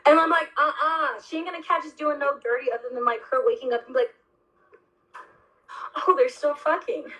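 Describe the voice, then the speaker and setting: A young woman hosting a casual chat, telling a story in an animated, emphatic and heavily profane way. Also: high voice, rapid-fire, rough recording. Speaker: host.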